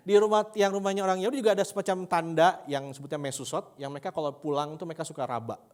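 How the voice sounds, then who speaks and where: Guy giving a sermon, talks fast, chatty and jokey, keeps asking the crowd stuff. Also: fairly high pitch, fairly even intonation, darkish tone. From Indonesia. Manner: conversational, humorous, asks the congregation questions. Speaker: preacher.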